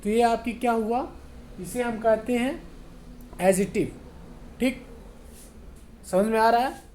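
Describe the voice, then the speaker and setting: A man teaching English in Hindi, explaining slowly and often checking that students understand. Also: extremely high pitch, a little mellow, slight background noise. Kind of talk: spoken English lesson in Hindi.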